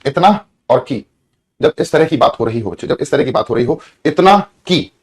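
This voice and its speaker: A man's voice: mid-range voice, lively intonation, normal speed, a little mellow, breathy edge. A man teaching an English grammar lesson, repeating points and asking students questions. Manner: repetitive, asks students questions, stretches words when dictating. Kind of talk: exam-prep grammar lesson.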